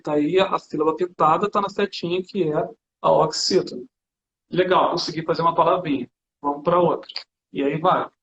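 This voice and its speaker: Animated Brazilian man showing classroom crafts. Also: sits high, roomy sound, highs cut off, slight background noise. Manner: animated, hands-on, chatty with fillers like "né". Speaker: teacher demonstrating classroom materials. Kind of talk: casual conversation.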